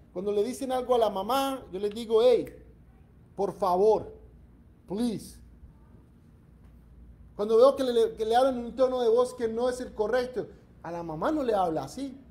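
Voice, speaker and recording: A man's voice: very high-pitched, darkish tone. A middle-aged man, preaching a sermon in an emphatic, earnest way. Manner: emphatic and earnest, acts out quoted voices. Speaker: pastor. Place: church.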